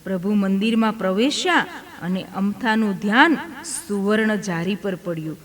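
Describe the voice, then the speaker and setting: A woman telling a devotional tale who speaks every character's part herself. Her voice sits at a middle pitch for a woman. A long reverb trails each phrase. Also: moderate pace. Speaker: storyteller. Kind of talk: devotional storytelling.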